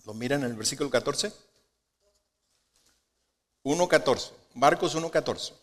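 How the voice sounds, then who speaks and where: A man preaching a sermon as pastor, asking rhetorical questions and moving between soft low asides and loud emphatic lines. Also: expressive, unhurried. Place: church sanctuary. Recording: long hall reverb of a church sanctuary.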